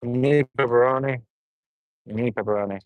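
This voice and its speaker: This is a young Alabama man with a Southern accent, casually rambling on a live stream and addressing his viewers as "gang" from the road and a store. His mid-range voice is steady and brisk, heard through a dry, phone-quality recording.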